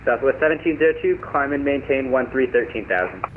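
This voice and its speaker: A man playing an air traffic controller, rattling off headings and altitudes in quick, clipped radio phrases. His voice comes through a thin, phone-like radio channel. A faint hiss sits underneath. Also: mid-range voice, animated. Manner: brisk, formulaic instructions with callsigns. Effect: heard over a radio channel. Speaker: air traffic controller in a multiplayer flight sim.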